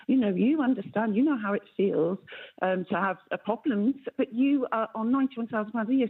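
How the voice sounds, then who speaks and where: A woman from Cornwall calling into a radio show over the phone, insistent and interrupting, full of restarts. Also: a little high. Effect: phone-line caller. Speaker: caller. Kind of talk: call-in radio debate. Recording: tinny phone line, husky.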